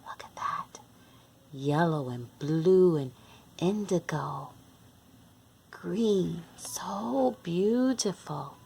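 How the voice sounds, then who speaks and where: A woman with a lowish, warm, husky and gravelly voice reads a picture book to young children, speaking extremely slowly with frequent pauses and lively intonation. As host of the read-along, she talks to the kids directly and acts out the animal sounds with plenty of expression.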